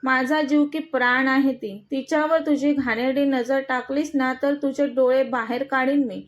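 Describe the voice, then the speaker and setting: A woman's voice: sits high, fairly even intonation, moderate pace, lo-fi sound, close to an everyday voice. A woman voicing an angry, protective father, a schoolmaster, who scolds furiously in a storybook reading.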